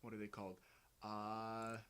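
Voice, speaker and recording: Young man with a bright, rambling voice. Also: lowish voice, monotone, a little slow, smooth. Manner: rambling, trails off searching for words. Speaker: podcast co-host. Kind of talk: casual chat.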